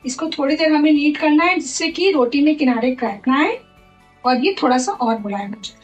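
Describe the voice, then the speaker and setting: High-voiced woman teaching in a kitchen. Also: animated, brisk. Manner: step-by-step explaining while cooking. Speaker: cooking instructor. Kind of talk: cooking demonstration. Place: home kitchen. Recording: light background music.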